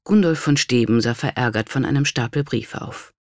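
An audiobook narrator reads a historical novel in scripted, even and measured storytelling. The medium-pitched voice is recorded at studio quality with no echo.

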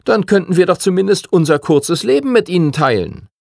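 A man's voice: sits high, sing-song, brisk, creaky, a little mellow, dry recording, studio quality, pitched above the performer's own voice, full character voice. A man voicing protesting schoolboy Timothy. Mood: insistent. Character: protesting young schoolboy dragon rider.

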